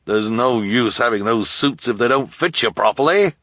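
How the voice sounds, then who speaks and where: A man's voice: mid-range voice, animated, moderate pace, a bit bright, no echo, pitched above the performer's own voice. A man voicing a meek, kindly male guardian who speaks mildly and apologetically in a storybook reading. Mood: friendly mild. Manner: mild, apologetic, eager to please.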